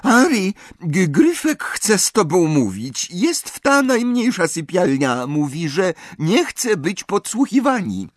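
A man voicing a proud young woman in an audiobook, speaking in a high, halting way with broken grammar. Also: a bit bright, smooth, dry recording, studio quality. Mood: urgent.

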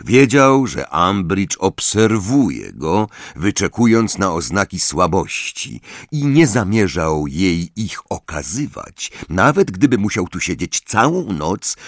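A man reading an audiobook as narrator, expressive storytelling close to the mic. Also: sits low, dry recording. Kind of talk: scripted narration.

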